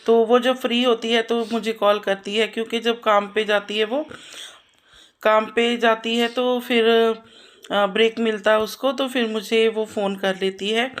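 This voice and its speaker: A woman's voice: on the high side, steady tone, a little slow. A woman in her thirties, a mother narrating her household chores in a homely, chatty voice-over, repeating herself often. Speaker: vlogger and mother.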